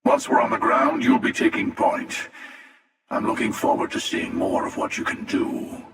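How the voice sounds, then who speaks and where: An actor playing a menacing, arrogant, world-weary hunter villain in a video game, with a gravelly voice and a deliberate, sardonic delivery. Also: male voice, very high voice, wildly swooping pitch, fairly bright tone, full character voice. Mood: measured, pragmatic. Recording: echoey, long reverb, distant.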